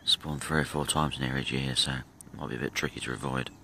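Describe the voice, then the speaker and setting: Standing at a lake with a handheld camera, a man with a very deep voice narrates his fishing outing in a loose, unhurried way, pausing as he thinks out loud. The nearby mic picks him up clearly, but nature and outdoor sounds come through too, and the background is noisy.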